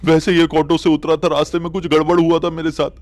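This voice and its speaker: A man's voice: on the high side, level tone, fast talker, darkish tone, no room sound, voice pushed up, lightly acted. A man voicing a pleading scared teenage boy. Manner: pleading and defensive.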